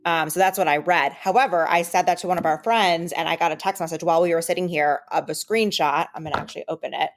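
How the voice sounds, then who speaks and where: A woman's voice: lowish voice, quick pace, hardly any pauses. A woman co-hosting a podcast in casual chat, chatty and full of "um" and "like.". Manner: chatty, many fillers like "um" and "like". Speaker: podcast co-host.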